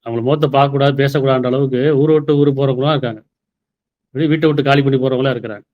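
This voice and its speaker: A man's voice: mid-range voice, steady tone, rapid-fire, highs cut off. A man giving a sermon, explaining scripture verses and asking rhetorical questions. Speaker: preacher.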